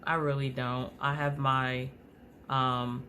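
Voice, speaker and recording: A woman's voice: a bass voice, flat delivery, takes it slowly, bright, forceful tone, slight background noise. A woman with a slight lisp from aligner trays, hosting a casual craft tutorial and rambling along with many fillers and restarts. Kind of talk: casual how-to talk.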